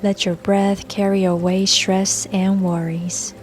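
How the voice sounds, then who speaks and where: A female meditation guide with a mid-pitched voice reads a calming script very gently and without hurry. Soft music and the sound of a babbling brook play behind her.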